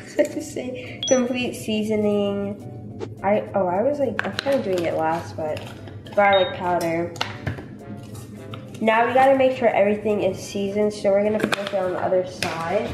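A young woman with a medium-pitched, unhurried voice talks through each step as she cooks in a large home kitchen for a casual vlog. She shoots on a handheld camera that's at times put down at a distance, and the echoey space has music playing behind.

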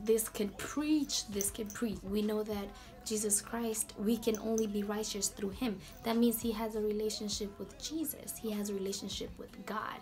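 A woman hosting a casual Bible talk vlog in a chatty, slangy, animated way. Her voice is going hoarse. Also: medium pitch. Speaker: video host.

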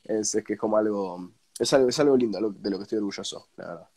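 A young man with an Argentine accent, congested and snotty from a cold, chatting casually as an interview guest and haltingly repeating words as he searches for phrasing. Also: fairly low pitch, mellow, breathy edge. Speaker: interview guest, radio presenter. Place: indoors at home, on a video call.

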